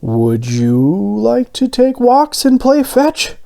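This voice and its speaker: A man voicing a mild, kindly, hesitant grown man in a storybook, with gentle, drawn-out phrasing. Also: extremely high pitch, huge pitch swings, vocal fry, voice pushed up, full character voice. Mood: excited.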